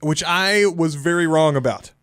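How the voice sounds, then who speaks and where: Man, podcast co-host, lively pitch, bit high, dry close mic, laughs easily. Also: no room sound. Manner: playful, quick to laugh, animated questioning. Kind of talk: casual chat.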